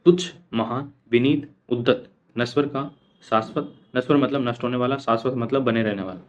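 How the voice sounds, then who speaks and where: A man's voice: medium pitch, moderate pace, lo-fi sound. A man teaching an exam coaching lesson, repeating each answer and asking the class questions that he answers himself. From India.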